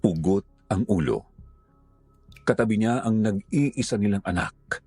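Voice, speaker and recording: Deep-voiced solemn male horror narrator. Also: lively intonation, husky, dry recording, soft background music. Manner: slow, solemn, hushed delivery. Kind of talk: scripted horror story narration.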